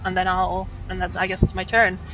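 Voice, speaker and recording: A woman's voice: lowish voice, monotone, fairly bright tone, low-quality recording. A woman improvising casually as a tabletop game player, hesitant and often correcting herself. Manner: hesitant, halting, self-correcting. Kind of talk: casual improvised role-play. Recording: faint music behind.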